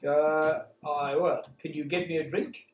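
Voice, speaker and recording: A woman's voice: low-pitched, steady tone, a little slow, recorded from a distance. A woman playing a tabletop role-playing game, chatting casually with hesitant fillers. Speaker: player. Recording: echoey room, off-mic, faint music.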